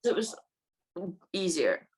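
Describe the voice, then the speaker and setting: A woman's voice: fairly low pitch, big pitch swings, unhurried, low-quality recording. A teenage girl co-hosting a podcast, chatting casually and rambling through stories. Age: teens. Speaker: podcast co-host. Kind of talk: casual chat.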